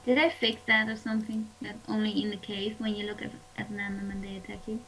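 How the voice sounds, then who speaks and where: A woman's voice: medium pitch, level tone, fast talker, a bit bright, a little hiss or hum, poor audio. A young woman bantering and teasing in a casual co-op gaming chat. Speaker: Let's Play gamer.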